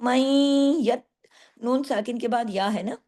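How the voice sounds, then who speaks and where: A middle-aged woman with a fairly high voice teaches recitation rules in a patient, explaining tone. She stops often to recite short phrases slowly, stretching the sounds out. Her lesson moves steadily, one rule at a time. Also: a little mellow. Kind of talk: tajweed lesson.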